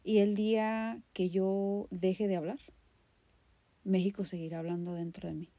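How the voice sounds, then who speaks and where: In an unhurried, mellow mid-range voice with little pitch movement, a Mexican-accented podcast host from Guadalajara offers a personal, poetic monologue. Her delivery is still impassioned and emphatic, built on dramatic repetition, and there's no room sound.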